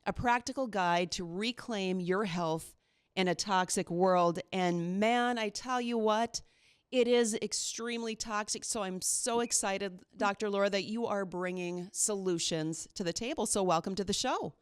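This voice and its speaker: A woman's voice: mid-range voice, a little slow, smooth, no echo. Woman, podcast host, enthusiastic, dry recording. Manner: upbeat, enthusiastic. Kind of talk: casual interview chat.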